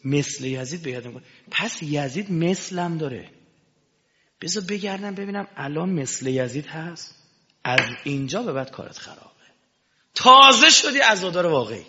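Impassioned man preaching in an echoey hall. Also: a little high. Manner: impassioned, swings between hushed and shouting. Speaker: religious preacher. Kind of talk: sermon. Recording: echoey hall, dull lo-fi sound.

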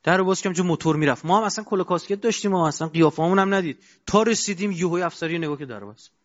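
Man preaching a lively sermon, lo-fi. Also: high-pitched. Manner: asks the audience rhetorical questions, shifts between loud and quiet. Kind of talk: colloquial sermon with anecdotes. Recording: dull lo-fi recording.

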